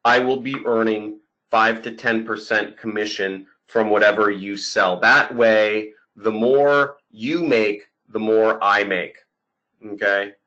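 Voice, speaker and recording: Man, bright forceful voice, slightly low pitch, webinar sales pitch, emphatic, repetitive on key points. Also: fairly even intonation, slow pace, dull audio. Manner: emphatic, repeats key points, often checks in with "okay". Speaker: online marketing coach and presenter.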